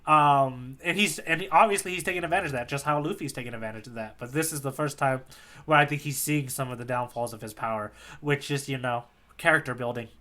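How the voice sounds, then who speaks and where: Talking comics on a podcast he co-hosts, a man rambles through a casual manga chat, frequently repeating himself. His mid-range voice moves fast, bright and forceful.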